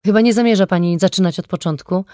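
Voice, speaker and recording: An icy young wife, elegant and protective, snaps in a clipped, contemptuous tone, as a woman reader puts her on. The voice sits higher than the reader's usual and carries tight, restrained hostility. Recorded dry and close, with no room around it. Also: normal speed, creaky, darkish tone, dry recording. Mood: scornful. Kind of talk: audiobook character reading.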